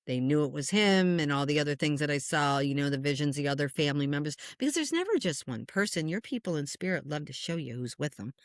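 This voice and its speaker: A woman's voice: sits low, quick pace, few pauses, dry recording, clean studio sound. Middle-aged woman medium telling stories. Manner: animated storyteller acting out quotes. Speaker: spiritual medium. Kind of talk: conversational interview storytelling.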